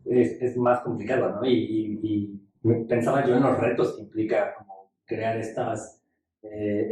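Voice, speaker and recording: Man in academic discussion, dark mellow tone, halting delivery, distant roomy pickup. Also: mid-range voice. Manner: halting, searching for words.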